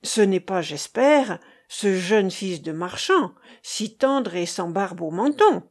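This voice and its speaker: A woman's voice: medium pitch, very animated, slow, full character voice. A woman voicing a scheming, mocking old female servant, reading an audiobook in a scolding, teasing way.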